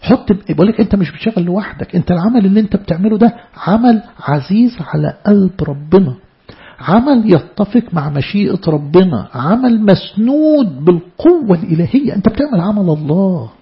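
An Egyptian man delivers a sermon in a slightly high, gravelly voice. He talks fast and with emphasis, often repeating words and stumbling over them. The recording sounds dull and lo-fi. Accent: Egyptian Arabic. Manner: emphatic, repeats words and stammers while preaching. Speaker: church servant preacher.

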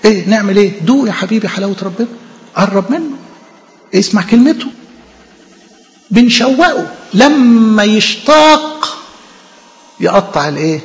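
Brief: high, rapid Egyptian male preacher with a gravelly edge, fervent, in an echoey hall on a dull recording. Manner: fervent, asks and answers his own questions. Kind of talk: sermon.

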